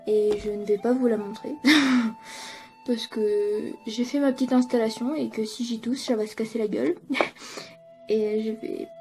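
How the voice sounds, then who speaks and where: A woman's voice: on the high side, a little slow, long pauses, darkish tone, soft background music. A young woman chatting casually to her viewers in a vlog from her apartment. She laughs often, swears freely and pokes fun at herself. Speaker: YouTuber. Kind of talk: casual vlog chat to camera.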